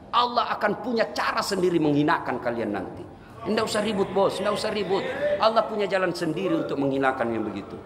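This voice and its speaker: A male preacher giving a humorous sermon, telling stories animatedly and shifting into solemn warnings. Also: high-pitched. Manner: animated storytelling, swings between jokes and solemn warning. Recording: reverberant hall with faint noise.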